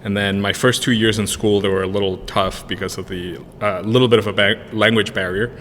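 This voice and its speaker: This man in his thirties speaks a little fast, with a lowish, steady and fairly bright voice. A native Spanish speaker from a Spanish-speaking country who came to the US in 1999, he co-owns a brewery and rambles through a podcast interview full of fillers and restarts. The room has a long reverb and faint noise.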